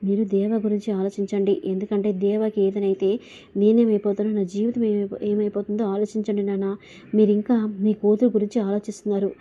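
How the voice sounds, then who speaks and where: A woman's voice: mid-range voice, level tone, a little fast, warm tone, muffled recording, lightly acted. Woman narrator voicing defiant young wife, Mithuna. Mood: angry. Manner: insistent, confrontational questioning. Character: angry young married woman, fiercely defiant.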